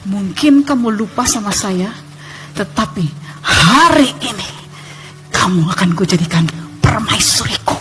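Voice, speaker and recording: A woman voicing a demon in human form who claims her as his bride, speaking low and slow. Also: expressive, background noise, lightly acted. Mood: menacing.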